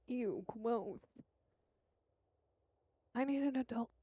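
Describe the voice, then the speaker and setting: A woman's voice: a little high, extremely slow, mellow, slightly rough, no room sound. A woman co-hosting a gaming stream, teasing and joking crudely in casual chat. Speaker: stream co-host.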